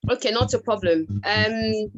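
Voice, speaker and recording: A woman's voice: fairly high pitch, measured pace, lo-fi sound. Hesitant woman doctor on a video call. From Democratic Republic of Congo. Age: young adult. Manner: hesitant, many fillers, switches between languages. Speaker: medical doctor guest. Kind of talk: guest speaking on a video call.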